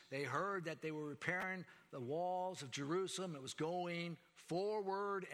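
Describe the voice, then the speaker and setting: A male preacher delivering a sermon, swinging dramatically between loud emphasis and hushed lines. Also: fairly high pitch, in a large hall.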